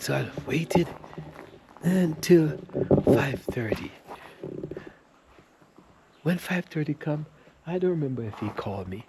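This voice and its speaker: A man vlogging on his travels, telling a long story with restarts and animated quoted dialogue. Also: fairly high pitch, background noise. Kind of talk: casual storytelling to camera.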